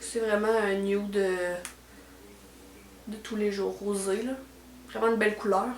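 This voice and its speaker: A woman's voice: mid-range voice, little pitch movement, a little slow, a little mellow. A young woman with a Quebec French accent chatting casually through a beauty unboxing at home, with lots of fillers and trailing "là". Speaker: beauty vlogger. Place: at home indoors. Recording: echoey room.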